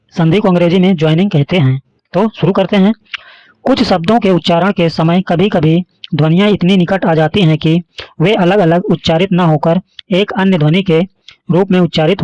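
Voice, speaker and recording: High-voiced male Hindi grammar teacher. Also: a little mellow, dry recording. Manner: asks students questions and repeats answers. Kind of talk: classroom lesson explaining with examples. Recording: dry, dull lo-fi sound.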